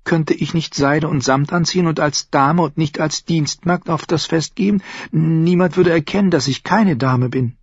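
A male audiobook reader voicing an eager, childish young woman who pleads and chatters in a raised, husky voice. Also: on the high side, moderate pace, no room sound, voice pushed up. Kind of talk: audiobook character voice. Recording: dull lo-fi dry recording.

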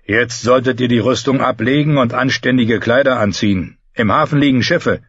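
A man's voice: medium pitch, normal speed, a bit bright, husky, no echo, highs cut off, pitched above the performer's own voice. A man reading an audiobook, voicing a harsh, scornful lord who speaks in a cutting, commanding way. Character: harsh scornful older male lord, contemptuous.

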